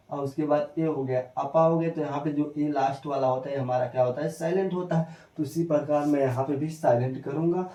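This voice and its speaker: A man's voice: on the high side, warm tone, distant mic. Man teaching spelling in an echoey room. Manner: repeats himself, quizzes viewers with quick questions. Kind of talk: spoken spelling lesson.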